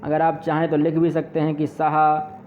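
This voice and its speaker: A man teaching a Sanskrit lesson to schoolchildren in Hindi, explaining word meanings and repeating words slowly for pupils to follow. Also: a little high, monotone, lo-fi sound, a little hiss or hum. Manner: slow drilling repetition of words for students.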